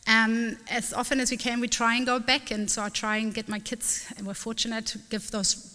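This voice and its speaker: A middle-aged woman from Southern Germany, telling her story in an earnest, enthusiastic public talk and often pausing to find her words. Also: medium pitch, fairly bright tone. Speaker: freshwater ecologist giving a talk. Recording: reverberant hall.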